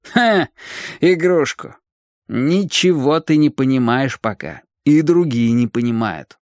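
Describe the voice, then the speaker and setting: A man playing a hard, calculating teenage gang leader who speaks in a measured, lecturing way. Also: medium pitch, expressive, a little mellow, no room sound, clean studio sound, lightly acted.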